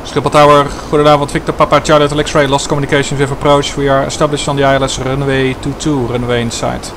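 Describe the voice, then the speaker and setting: Male pilot on a cockpit headset, crisp clipped radio calls, steady cockpit hum behind. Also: mid-range voice. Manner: brisk aviation phraseology. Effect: pilot speaking through a cockpit headset. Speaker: airline pilot. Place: airliner cockpit.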